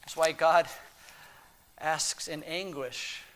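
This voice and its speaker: A man preaching a sermon, swinging between hushed, drawn-out phrases and emphatic, raised passages. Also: on the high side, fairly even intonation.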